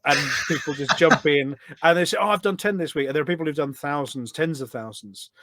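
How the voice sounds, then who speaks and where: His voice is a little high, bright and forceful, and he talks fairly quickly over clean studio sound with no room noise. This podcast guest, who presents a community radio show, chats in a rambling way, telling anecdotes and acting out what people said.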